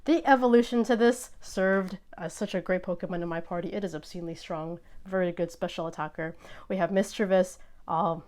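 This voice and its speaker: Chatty woman host, excitable and fast-tripping. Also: lowish voice. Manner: excitable, chatty, trips over words. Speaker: host opening trading card packs. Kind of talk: casual unboxing chat.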